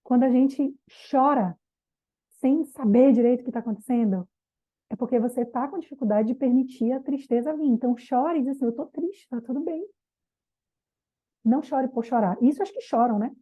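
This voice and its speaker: Husky-voiced woman mentor, tinny audio. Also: high voice, brisk. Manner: casual and direct, addressing listeners, with mild slang. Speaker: women's mentor. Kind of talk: motivational talk to a group.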